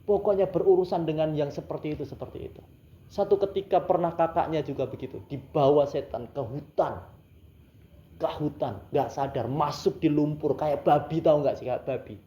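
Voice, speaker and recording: Male pastor preaching, mellow voice, telling stories and asking the crowd questions, roomy dull sound. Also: on the high side, normal speed. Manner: conversational, asks the congregation rhetorical questions. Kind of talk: sermon storytelling.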